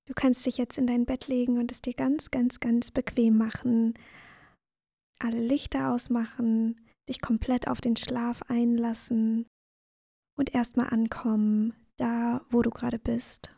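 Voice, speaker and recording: A woman narrating a guided bedtime sleep meditation in a soothing, gentle, breathy voice that often nears a whisper. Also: a little high, flat delivery, unhurried, no echo, clean studio sound. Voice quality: breathy, soft.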